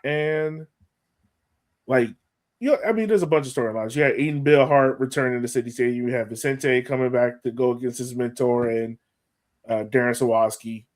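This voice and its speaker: Casual soccer chat comes from an American podcast host who sounds like an enthusiastic fan, exclamations and all. He speaks at normal speed in a mid-range voice.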